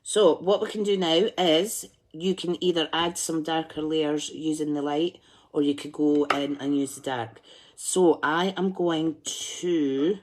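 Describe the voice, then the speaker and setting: Her voice sits low with a darkish tone as she hosts a craft tutorial, colouring live. She chats, thinks out loud, and hums to herself while concentrating.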